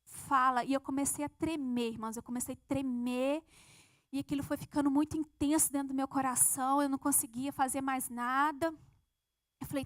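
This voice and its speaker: A woman's voice: high voice, no echo, clean studio sound. A woman telling a testimony in church, earnestly acting out her prayers. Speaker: church member giving a testimony. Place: church sanctuary.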